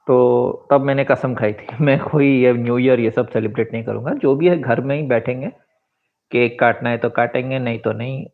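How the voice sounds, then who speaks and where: A man in his forties from India, giving a rambling, reflective personal monologue and slipping into English phrases. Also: mid-range voice. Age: 40s. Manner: rambling, switches into English phrases, fills pauses with asides. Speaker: vlogger and author. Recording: tinny phone-like sound.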